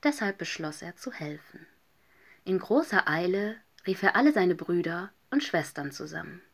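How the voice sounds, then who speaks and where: A woman reading a children's story aloud, gentle and soft, often dropping to a whisper. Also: lowish voice, sing-song, moderate pace, vocal fry.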